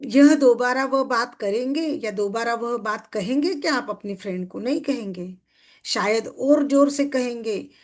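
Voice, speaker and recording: A woman's voice: fairly high pitch, measured pace, a little mellow. A middle-aged woman, leading a motivational workshop as a success coach. She keeps asking her listeners questions, checks that they agree, and acts out everyday scenes in quoted speech. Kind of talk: motivational group workshop talk.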